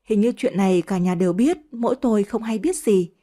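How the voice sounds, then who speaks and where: A woman's voice: mid-range voice, a little fast, warm tone. A woman reads a first-person family drama story. She voices each character herself and shifts her tone for the quarrels and the crying. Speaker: audiobook narrator.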